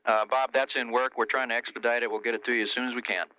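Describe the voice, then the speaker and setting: A man's voice: mid-range voice, fairly even intonation, quick pace, a little hiss or hum. A man working as a mission control communicator, passing procedural messages over a radio. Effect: heard over a radio. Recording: slightly dull radio transmission.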